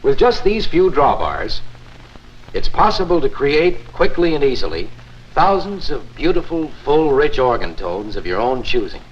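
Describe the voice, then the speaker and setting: An actor playing a courteous, confident church organist, explaining in a formal, measured 1950s narrator manner for a promotional film. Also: male voice, mid-range voice, sing-song. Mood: instructive, assured. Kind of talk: 1950s promotional film acting, scripted demonstration. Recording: muffled, noisy 1950s film soundtrack.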